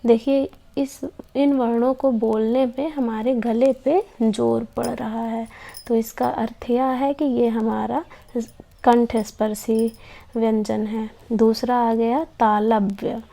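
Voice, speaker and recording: Woman teacher, mellow gravelly voice, slow and patient, sounds out each letter. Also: a little high, level tone. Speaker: Hindi teacher. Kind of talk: slow classroom explanation.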